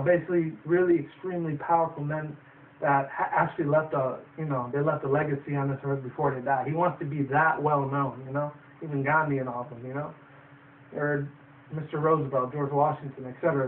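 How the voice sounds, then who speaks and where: Young man, rambling profane film review, fairly high voice, far from the mic, faint noise. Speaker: movie reviewer. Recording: distant tinny phone-like audio with faint noise.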